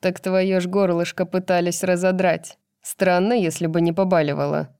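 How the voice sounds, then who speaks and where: A woman doing a joking fae man, flirtatious and teasing. His voice is low and mellow in a storybook reading with a dry, close sound. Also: little pitch movement, normal speed, clear, resonant tone, dry recording, close to an everyday voice.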